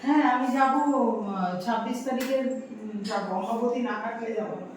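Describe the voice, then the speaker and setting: A woman's voice: on the high side, moderate pace, recorded from a distance, a little hiss or hum. A woman, the vlogger's mother, chatting casually with brief, friendly replies. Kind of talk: casual family chat. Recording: echoey room, from across the room.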